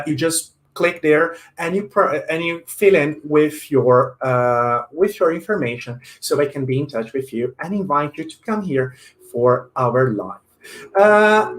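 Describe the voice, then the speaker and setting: A man's voice: on the high side, fairly bright tone. A man with a Brazilian Portuguese accent hosting a live online interview, friendly and chatty with many "uh" fillers. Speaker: host, English teacher.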